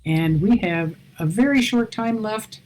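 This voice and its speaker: A woman's voice: mid-range voice, unhurried, a little mellow, slight background noise, low-quality recording. An older woman giving an online conference talk, earnest and advising, with self-deprecating asides, heard over a video call. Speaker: conference presenter.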